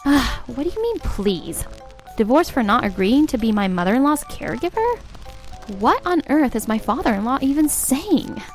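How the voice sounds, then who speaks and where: Playing an exasperated young wife, an actress narrates her own story sarcastically in a high-pitched, very animated voice at a moderate pace. The narration is scripted, with faint music underneath.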